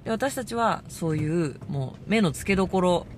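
A woman hosting a casual monologue, telling a story with lively delivery and acting out the voices she quotes. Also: lowish voice, normal speed, slight background noise. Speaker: podcast host.

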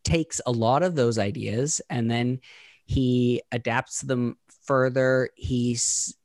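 A man's voice: mid-range voice, fairly even intonation, darkish tone, no echo. Thoughtful man musing aloud, very dry sound. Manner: thoughtful, halting, many restarts and fillers. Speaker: podcast co-host. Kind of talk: casual conversational discussion.

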